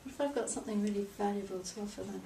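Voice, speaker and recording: A woman with a medium-pitched voice speaks as a therapy client, echoing phrases and reflecting on them. She sounds distant in a reverberant room with clear background noise. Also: racing, warm tone. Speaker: client in a tapping therapy session. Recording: echoey room, far from mic, noisy.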